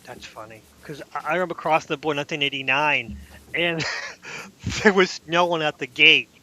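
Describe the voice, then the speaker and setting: Man, fairly high voice, bright and tense, rambling anecdotes. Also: fairly quick. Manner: rambling anecdotes with many restarts. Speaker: podcast host. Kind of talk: casual chat.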